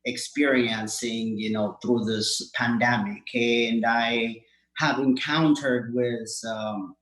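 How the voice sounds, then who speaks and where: A man with an Ethiopian accent giving a halting acceptance speech as a nurse practitioner, full of fillers and restarts. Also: medium pitch. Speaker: nurse practitioner, award recipient. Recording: echoey room.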